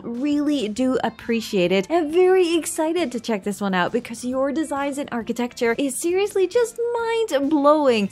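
A bright, fairly high-pitched woman with a French accent talks through a game tour for her channel, chatty and enthusiastic. She thinks aloud as she explores, recorded as a voice-over with soft music playing underneath. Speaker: channel host. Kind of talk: upbeat game tour commentary.

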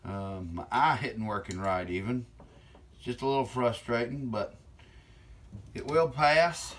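A middle-aged channel host chats casually and unhurriedly while working with his hands in a cluttered indoor workshop. His medium-pitched, slightly slow speech is a bit slurred from weakness on one side of his mouth, picked up by a camera on the bench a step or two away.

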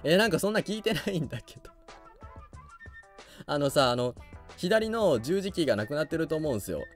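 Excitable male let's-player, loud reactions, lively higher voice. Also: normal speed, faint music behind. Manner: excitable, reacts loudly and laughs often. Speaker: gaming YouTuber. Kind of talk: let's play commentary.

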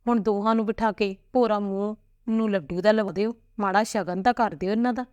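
A woman's voice: mid-range voice, steady tone, brisk, darkish tone, no echo, highs cut off, lightly acted. A woman voicing an affectionate elderly matriarch who blesses her granddaughter in a homely way, in a storybook reading. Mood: fond. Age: older. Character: elderly Punjabi matriarch, loving, emotional.

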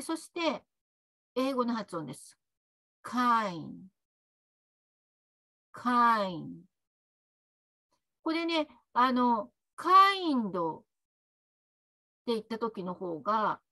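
A woman teaching pronunciation in a bright, animated voice that swoops up and down. She talks at an unhurried pace with chatty asides and stretches out each model word for the learner to repeat. The recording is close and dry, with faint music underneath. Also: fairly high pitch, gravelly, no room sound. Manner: slow, drawn-out model words for the learner to repeat; chatty, adds little "ne" tags while explaining. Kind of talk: pronunciation lesson with repeat-after-me drills.

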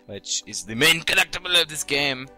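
A man's voice: fairly high pitch, expressive, bright, forceful tone, faint music behind. A young man joking playfully while casually commenting on a video game he plays. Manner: joking, playful, quick asides. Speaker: let's play co-host.

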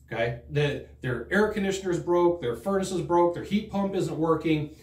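Animated middle-aged man, sales trainer. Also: a little high, reverberant. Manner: animated, conversational, acts out customer quotes. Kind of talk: direct-to-camera training talk. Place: studio in front of a green screen. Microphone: fixed camera, standing at a desk.

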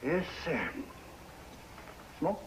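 An actor playing a shrewd, probing elderly lighthouse keeper in an old television drama, talking in a folksy, hesitant way. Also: male voice, drawn-out words, poor audio. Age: older. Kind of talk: 1950s television drama acting. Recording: old television recording with faint hiss.

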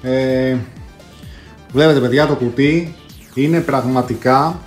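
A Greek man hosts a retro console collecting channel, talking casually in a chatty, slangy way sprinkled with English collector jargon. His medium-pitched voice stays fairly even, picked up by a distant mic in an echoey room with music playing behind.

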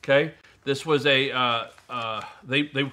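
A man leads a relaxed wine tasting, his voice bright and forward. He rambles, circling back with fillers and restarts. A faint hiss sits under the room. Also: medium pitch, measured pace. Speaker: wine presenter. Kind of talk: casual wine-tasting chat. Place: indoors at a zoo building.

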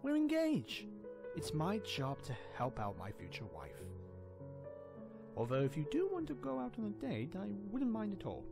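Man voicing a caring prince with swooping pitch. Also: huge pitch swings, normal speed, vocal fry, over music, full character voice. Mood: suave, teasing. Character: caring, sly young male unicorn prince. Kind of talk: animated fan drama dialogue.

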